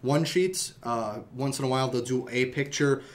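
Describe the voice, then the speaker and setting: Podcast host guy just chatting, kinda rambly, keeps restarting, average pitch. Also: moderate pace. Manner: rambling, hesitant with frequent restarts. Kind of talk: casual chat.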